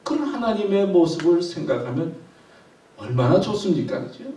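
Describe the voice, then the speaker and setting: A man preaching a Sunday sermon as pastor, telling the story with lively, acted-out quotes. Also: sits high. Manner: animated storytelling, acting out God's delighted voice. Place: church sanctuary. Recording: echoey church from a distance.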